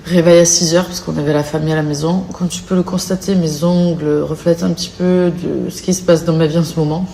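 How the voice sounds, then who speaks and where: A woman's voice: low voice, fairly even intonation, fairly quick, creaky, few pauses, warm tone, slight background noise. A young woman vlogging to her followers, exhausted and emotional, pleading in exasperation. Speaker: social media personality.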